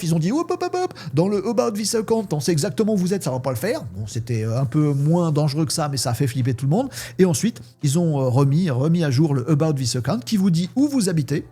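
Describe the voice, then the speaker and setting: A man talks through the latest tech news in a loose, chatty way, full of fillers and friendly asides to his viewers. His voice sits a little high, with a mellow, somewhat husky tone. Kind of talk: casual tech news commentary.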